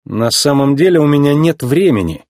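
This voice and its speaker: A man playing a cocky young race car, eager and a little full of himself, his words coming quick and keen. The voice is pitched high and lively, with a husky grain, and it sounds dry and close. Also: no echo. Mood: flustered. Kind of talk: storybook reading.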